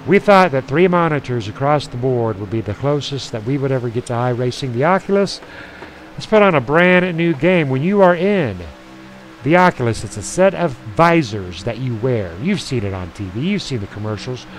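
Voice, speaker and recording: A man's voice: medium pitch, animated, moderate pace, slight background noise, low-quality recording. A man doing folksy, chatty play-by-play commentary for an online sim truck race, with asides between the calls. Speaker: sim racing announcer.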